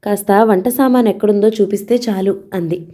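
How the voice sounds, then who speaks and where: A woman's voice: medium pitch, brisk, warm tone, close to an everyday voice. A woman voicing a fussy, orthodox older woman who politely keeps a young wife out of the kitchen in an audio novel. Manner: polite but controlling.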